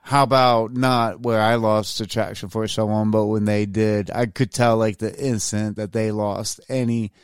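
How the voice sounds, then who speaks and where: A slightly tipsy man telling a rambling story on a podcast, in a lowish voice that stays smooth and resonant. The sound is dry and close, with no room around it. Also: little pitch movement, moderate pace, few pauses, dry recording. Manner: rambling storyteller, self-mocking, restarts words. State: tipsy from drinking. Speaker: podcast co-host. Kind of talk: casual chat.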